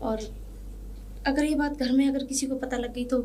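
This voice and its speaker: A woman playing a sharp-tongued elder sister-in-law who taunts and scolds in a family drama. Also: very high-pitched, expressive, normal speed, a little hiss or hum, heavily acted. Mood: mocking. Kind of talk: hobby family drama acting.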